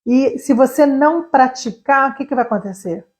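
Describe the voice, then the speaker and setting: Brazilian woman, english teacher, quick and emphatic, fairly high voice, talks straight to viewers. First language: Portuguese. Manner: fast, animated and emphatic, addressing viewers directly. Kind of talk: online English lesson.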